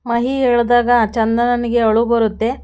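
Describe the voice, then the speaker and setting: A woman's voice: fairly high pitch, monotone, normal speed, dark tone, clear, resonant tone. A woman narrating a recap of a TV serial episode in a storytelling manner, voicing every character herself.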